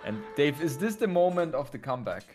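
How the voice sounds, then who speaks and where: Low-key male co-caster over faint music. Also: brisk. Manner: calm, low-key, brief agreements. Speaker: tournament host and co-caster. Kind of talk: esports commentary.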